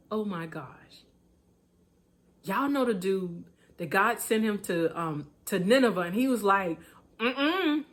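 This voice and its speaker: A woman preaching casually about choices, talking colloquially, repeating herself and laughing at her own asides. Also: mid-range voice. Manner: colloquial, repetitive, laughs at herself, many restarts. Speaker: preacher, motivational speaker.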